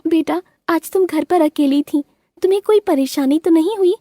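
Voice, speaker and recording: A woman's voice: extremely high pitch, normal speed, no room sound, clean studio sound, voice pushed up. A woman voicing a worried, caring widowed mother bird in a cartoon story. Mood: motherly. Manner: gentle motherly tone.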